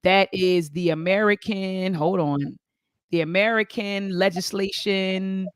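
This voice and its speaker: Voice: medium pitch, steady tone, measured pace, clean tone, dry recording. Affirming talk show host, dry sound. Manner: affirming, stumbles over words. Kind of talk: casual talk show hosting.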